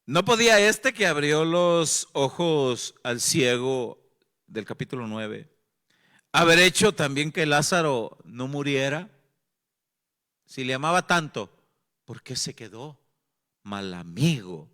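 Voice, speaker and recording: A man's voice: mid-range voice, lively intonation, takes it slowly, pushed and bright. A man with a Mexican accent voicing scornful critics who question and grumble in a sermon story. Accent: Mexican Spanish.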